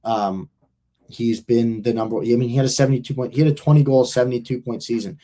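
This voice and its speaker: A man's voice: mid-range voice, steady tone, fast talker, dark tone. A young man hosting a podcast, chatting casually in a rambling, slangy and profane way. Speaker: podcast host. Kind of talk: casual chat.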